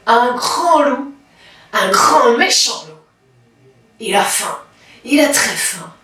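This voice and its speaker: A woman reading a children's story aloud, slowly and deliberately with dramatic pauses. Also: a little high, very animated, pushed and bright. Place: library. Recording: very echoey room, from far off.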